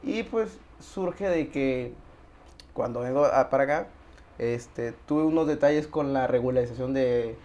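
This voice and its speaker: A man's voice: mid-range voice, unhurried, a little mellow. A young man from Honduras, a barber, chatting casually as a guest in an interview and often tossing in "brother" and "¿sabes?". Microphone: lapel mic.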